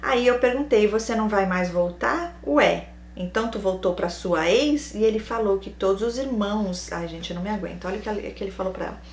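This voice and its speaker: A woman with a Brazilian accent, hosting and reading a listener's personal story aloud, acting out quoted lines and adding wry asides. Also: medium pitch. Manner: animated, acts out quoted lines, adds wry comments. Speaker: host reading a listener's letter. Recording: roomy echo.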